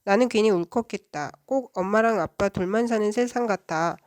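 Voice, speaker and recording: A woman reading a children's novel aloud in a soft, even voice. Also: mid-range voice, normal speed, no room sound. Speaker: children's book reader. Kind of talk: storybook read-aloud.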